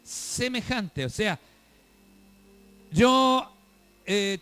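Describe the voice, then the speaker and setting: A man with a notably high voice preaches fervently at a church service, addressing the congregation as brothers and posing question after question. Soft music plays faintly behind him. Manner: fervent preaching, calls listeners "hermano", rhetorical questions. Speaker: pastor. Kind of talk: sermon. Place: church service, filmed for a web show.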